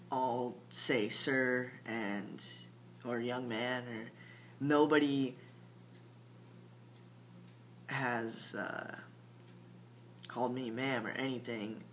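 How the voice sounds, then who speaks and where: This is a young male vlogger at home late at night, chatting casually into his video diary in a slightly bright, mid-range voice. He wanders from thought to thought with many fillers, occasionally mumbling, and a faint hum sits under the recording.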